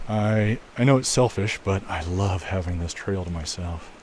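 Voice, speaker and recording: A man walking a snowy trail outdoors and chatting casually to his viewers, relaxed and musing, with a mic on the camera. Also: sits low, moderate pace. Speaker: walking video host. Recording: outdoor recording with stream noise.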